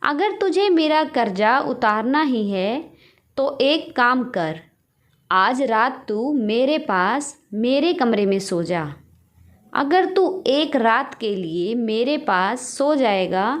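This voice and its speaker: A woman voicing a calm, patient elderly mother in a storybook tale, soft-spoken. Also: on the high side, slow.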